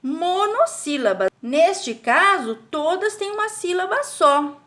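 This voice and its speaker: A Brazilian woman teaching a recorded spelling lesson to children. She explains slowly, stretches out syllables and keeps asking the class check questions. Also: very high-pitched, animated, fairly bright tone. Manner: speaks of herself in the third person as "a Pro". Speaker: primary school teacher.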